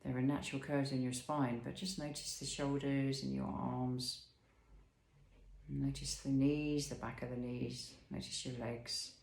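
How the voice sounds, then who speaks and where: An instructor guides listeners through a body scan in a calm, unhurried way, with pauses and gentle questions. He has a mid-range, creaky voice with a flat delivery, heard in an echoey room.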